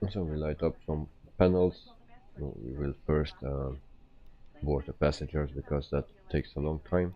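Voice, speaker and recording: Very deep, slow-talking man streaming, dull sound. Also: steady tone. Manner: hesitant, explaining step by step. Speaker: flight simulator live streamer. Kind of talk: casual game commentary.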